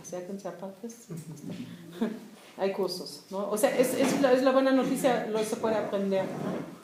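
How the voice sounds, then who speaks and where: At a public gathering, a young woman author, born in Germany with German as her first language, speaks a little slowly at medium pitch, laughing and chatting through stories full of fillers in this casual discussion. The recording is very noisy and echoes around a roomy venue.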